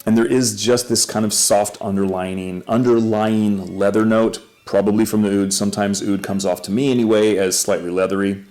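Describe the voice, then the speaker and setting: A man's voice: fairly low pitch, fairly even intonation, moderate pace, hardly any pauses, a little mellow. A man hosting his own channel, giving a casual, upbeat first-impressions review and correcting himself as he goes. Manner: chatty, self-correcting, upbeat. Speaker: fragrance reviewer.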